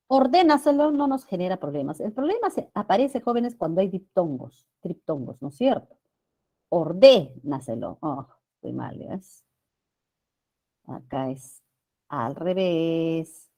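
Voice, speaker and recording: A woman teacher giving a grammar lesson to students, often checking in with them and drawing out words slowly for emphasis. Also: lowish voice, warm tone. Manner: addresses students with frequent checking questions.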